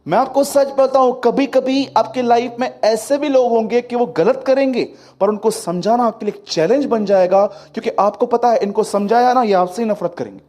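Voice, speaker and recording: A man preaching a sermon, telling stories and swinging between loud and hushed delivery. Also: extremely high pitch, normal speed, hardly any pauses. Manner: lively storytelling, acting out quotes, swings from loud to hushed. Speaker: pastor.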